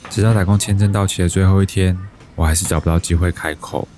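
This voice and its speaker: A fast-talking man with a low, steady, mellow voice gives a lightly acted read. With a Taiwanese Mandarin accent, he plays a timid, downcast thirty-something bank employee who introspectively recounts his life in a radio drama, sounding resigned and wistful.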